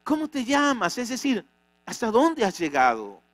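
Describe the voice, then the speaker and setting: Male pastor, high-ish voice, dry sound, dramatic sermon delivery. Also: wildly swooping pitch, moderate pace, fairly bright tone, dry recording. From Venezuela. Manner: dramatic, rhetorical questions, acts out quoted voices. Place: church.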